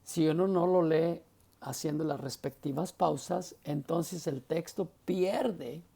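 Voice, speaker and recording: A man's voice: a little high, slow, vocal fry, warm tone, husky. A man teaching a class on preaching, explaining patiently and often checking that his students follow. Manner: explanatory, often checks understanding with short questions. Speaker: homiletics teacher.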